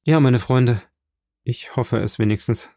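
A man voicing a grieving, kindly middle-aged shipowner in an audiobook, with an earnest, warm delivery. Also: medium pitch, unhurried, dry recording, studio quality, lightly acted. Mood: sorrowful, kind.

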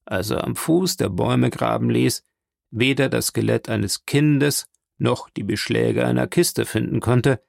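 A man's voice: mid-range voice, measured pace, gravelly, no room sound, clean studio sound. Man reading a grim, tormented prosecutor. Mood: somber. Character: grim, tormented male state prosecutor, older nobleman. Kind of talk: audiobook character reading.

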